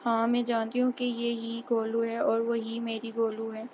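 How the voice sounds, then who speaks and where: A woman's voice: on the high side, lightly acted. A woman reading as a hurt elderly grandmother. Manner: flat monotone reading. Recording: dull lo-fi recording with faint hiss.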